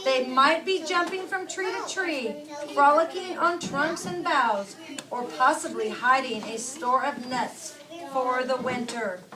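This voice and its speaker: A woman preschool teacher with a high-pitched, slow voice reads aloud to young children, guiding them with simple, repeated phrases and questions. A distant mic picks her up in a noisy preschool classroom full of loud children's chatter.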